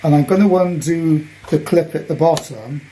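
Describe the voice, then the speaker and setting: This vintage radio collector presents a purchase in a relaxed, rambling, hands-on showcase, slipping in jokey wordplay as he records in a room at home. He speaks at a normal speed in a fairly high, mellow voice, and the recording is noticeably noisy.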